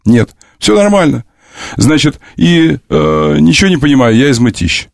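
Animated gravelly male radio host. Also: fairly high pitch, no echo, clean studio sound. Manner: animated, repeats words in rapid runs, argues confidently. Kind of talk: morning radio talk, casual and opinionated. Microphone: studio microphone.

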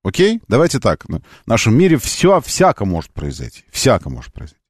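A man's voice: lowish voice, huge pitch swings, a little fast, slightly rough, no room sound, studio quality. A man hosting a live car call-in radio show, talking conversationally and emphatically, arguing his point and repeating phrases. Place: radio studio.

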